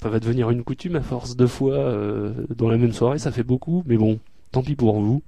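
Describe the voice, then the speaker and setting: A man's voice: mid-range voice, normal speed, vocal fry, warm tone, no echo, clean studio sound. A man hosting a radio show in casual chat, hesitant and full of filler sounds, teasing his co-hosts.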